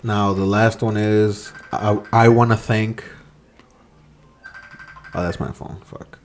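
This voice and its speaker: A man's voice: lowish voice, steady tone, takes it slowly, soft background music. A man hosting a podcast, loose and chatty, wrapping up a casual conversation. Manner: loose and chatty, says bro and dude. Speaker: podcast host. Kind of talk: casual chat.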